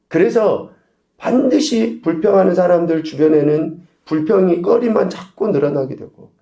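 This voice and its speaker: A male pastor preaching a sermon, asking the congregation rhetorical questions and swinging between loud emphasis and quiet asides. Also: on the high side, vocal fry, reverberant. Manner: preaching with rhetorical questions and sudden shifts in volume. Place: church sanctuary.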